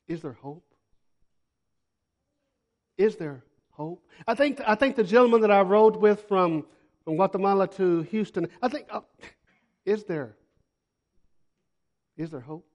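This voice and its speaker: Animated but a little slow, a high-pitched male missionary delivers a story-filled sermon to a church congregation, leaving long pauses. He tells folksy tales, repeats phrases for emphasis, and moves from loud passages to hushed ones.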